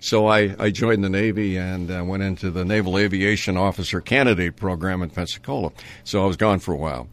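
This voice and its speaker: A man's voice: sits low, brisk, few pauses. An older man from Minnesota, a retired radio announcer, reminiscing in a rambling way with many ums and uhs and chuckles. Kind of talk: reminiscing interview talk.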